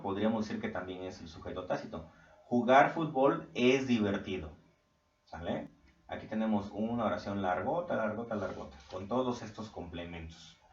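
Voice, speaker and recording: A male teacher explaining grammar in a recorded online class, patient and checking in with his students every few sentences. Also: on the low side. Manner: patient, keeps checking in with "¿sale?". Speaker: Spanish teacher. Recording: echoey room, far from mic, dull lo-fi sound.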